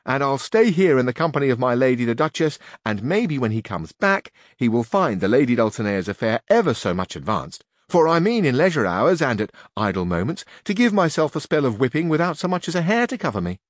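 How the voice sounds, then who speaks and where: A man's voice: medium pitch, big pitch swings, fairly quick, few pauses, no room sound, studio quality. A man reading aloud and voicing a blunt, stubborn peasant squire who grumbles. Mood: grumbling. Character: complaining stubborn peasant squire, male, middle-aged. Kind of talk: audiobook reading.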